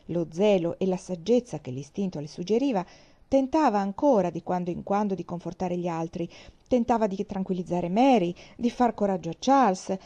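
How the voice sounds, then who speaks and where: A woman reads a classic novel aloud with measured, expressive delivery. Her voice is mellow and warm rather than bright, and the recording has a dull, slightly lo-fi sound. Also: medium pitch. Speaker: audiobook reader. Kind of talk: scripted narration of a classic novel.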